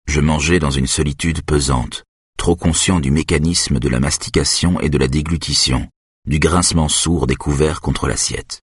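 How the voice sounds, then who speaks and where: Man narrating an audiobook, extremely low, husky voice, steady and measured. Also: no echo, studio quality. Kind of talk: first-person audiobook narration.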